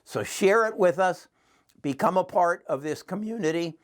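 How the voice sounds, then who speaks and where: A man's voice: high-pitched, animated, normal speed. A man of seventy-seven hosting his own channel, giving earnest, folksy advice straight to the camera, often repeating words as he finds his thought. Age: 70s. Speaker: channel host. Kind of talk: casual advice monologue to camera.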